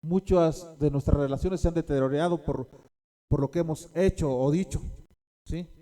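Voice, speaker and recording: A man's voice: a little high, moderate pace, dark tone. A man preaching a sermon as a pastor, repeating key phrases and often checking in with his listeners.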